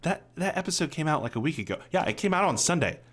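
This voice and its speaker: Speaking from a room at home over a video call, a man in his thirties co-hosts a podcast and casually reviews TV shows in a rambling, informal way. His voice is fairly high and fairly bright, with a sing-song lilt and quick pace.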